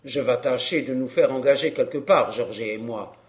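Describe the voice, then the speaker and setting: A man doing a middle-aged fairground clown down on his luck, grumbling in rough street slang. He sounds bitter and close to tears, in a plain mid-range voice, as in a read-aloud novel. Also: medium pitch, normal speed, lightly acted. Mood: lamenting. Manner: coarse popular slang, grumbling. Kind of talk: audiobook character reading.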